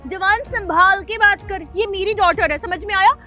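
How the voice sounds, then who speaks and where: A woman's voice: very high voice, normal speed, over music. A woman playing a scornful, bossy snob mother. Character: rude snobbish mother, middle-aged woman. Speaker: actor in a comedy sketch.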